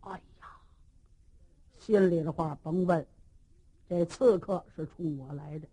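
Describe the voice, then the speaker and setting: Lively woman storyteller, husky voice. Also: low voice, a little slow. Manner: lively, dramatic, with sound effects. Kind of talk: traditional Chinese storytelling.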